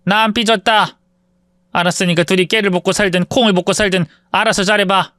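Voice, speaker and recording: A man's voice: high-pitched, steady tone, brisk, pushed and bright, dry recording, studio quality, voice pushed up. A man voicing a worried, fussy middle-aged mother in a spoken story, pleading with her son in a raised voice. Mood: fretful. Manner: pleading, fretful.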